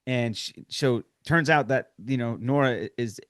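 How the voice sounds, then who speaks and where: A man with a mid-pitched voice tells a story in a loose, rambling way, often stopping to restart and laughing. The sound is dry and close. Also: a little slow, clear, resonant tone, no room sound. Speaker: guest. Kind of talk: casual interview chat.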